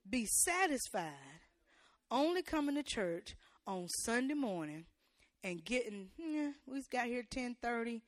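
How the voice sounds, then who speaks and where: A woman's voice: a little high, very animated, a little slow, no echo, clean studio sound. Woman preaching in church, fervent and folksy. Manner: call-and-response preaching, rising to loud emphatic peaks; colloquial, playful asides to the congregation. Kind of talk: sermon.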